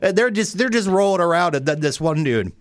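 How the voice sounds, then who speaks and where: A man's voice: sits high, expressive, dry recording. A man hosting a comedy podcast, telling rambling stories with lots of fillers and restarts. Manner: halting, many fillers and restarts. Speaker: podcast host.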